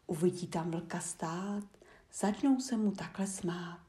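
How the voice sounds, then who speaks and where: A woman whispering a rhyming fairy tale in a soft, rhythmic way. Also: lowish voice. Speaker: storyteller.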